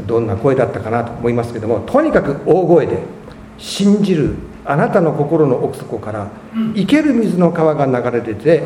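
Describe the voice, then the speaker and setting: A male pastor preaches with sweeping, animated pitch and a mellow, dark tone. His emphatic sermon voice carries through an echoey church hall. A faint background hum runs beneath it. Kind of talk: sermon with closing prayer.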